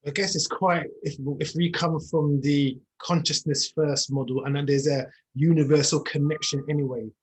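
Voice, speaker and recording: Husky-voiced man musing as host. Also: on the high side, steady tone, normal speed, hardly any pauses, rough recording. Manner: reflective, musing aloud. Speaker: podcast host. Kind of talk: conversational interview.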